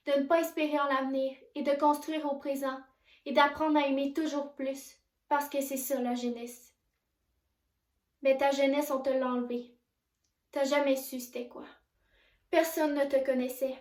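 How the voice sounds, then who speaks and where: A young woman delivers a dramatic monologue in a solemn, measured voice. Her voice sits high. The recording carries a noticeable room echo. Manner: solemn, addresses the listener directly. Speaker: monologue performer.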